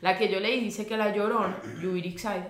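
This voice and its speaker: Venezuelan woman co-host, lively slangy storyteller, roomy set. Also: mid-range voice, fairly quick, a little hiss or hum. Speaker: podcast co-host. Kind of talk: casual chat, telling legends.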